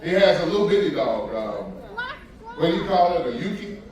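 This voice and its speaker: A male stand-up comedian doing crowd work on a cruise ship, loud and animated as he quizzes the audience, heard in an echoey lounge from a distance with the crowd answering. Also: a little high, a little fast. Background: audience laughing and answering.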